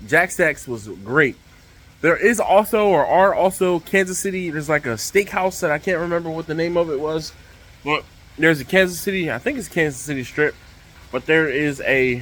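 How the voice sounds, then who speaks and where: A man hosting a casual vlog to camera, speaking outdoors over the rushing water of a waterfall by a pool. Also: fairly high pitch, fairly bright tone. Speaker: vlog host.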